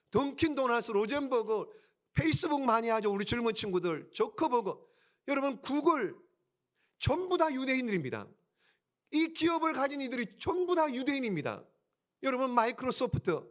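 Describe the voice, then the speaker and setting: A man with a very high speaking voice delivers a sermon at a church prayer service. He preaches emphatically, firing rhetorical questions and repeating key lines. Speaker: pastor.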